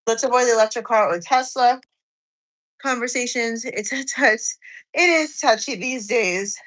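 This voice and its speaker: A woman's voice: fairly high pitch, normal speed, a bit bright, poor audio. Chatty woman streaming mid-workout. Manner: chatty, reads comments aloud and answers. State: slightly out of breath while doing cardio. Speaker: fitness streamer. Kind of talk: live stream chat reading comments.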